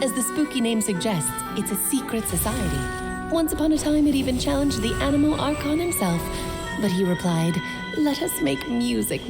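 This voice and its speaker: A woman voicing a grand, playful mother witch who speaks theatrically and coyly and tells an ancient story, in a video game. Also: on the high side. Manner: theatrical, coy.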